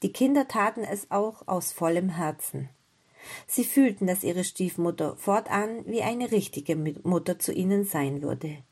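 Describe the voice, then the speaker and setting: A woman reading a fairy tale aloud as storyteller, in a gentle, measured way. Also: lowish voice, animated, husky.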